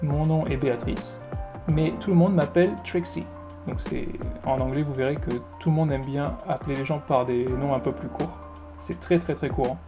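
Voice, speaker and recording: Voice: mid-range voice, normal speed. Online English lesson host, step-by-step explanations in French, music bed audible. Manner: patient, explains step by step and repeats words. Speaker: English teacher.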